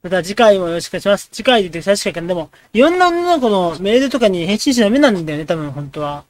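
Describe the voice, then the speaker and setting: Man, let's play host, quick speech, joking reactions to a dating game. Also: sits high, very animated. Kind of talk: casual game commentary.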